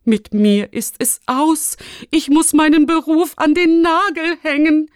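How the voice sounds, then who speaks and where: A woman voicing a fussy, germ-obsessed male school principal in a children's storybook, strident and quick to bark orders or whimper. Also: a little high, animated, darkish tone, no room sound, studio quality, voice pushed up. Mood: despairing.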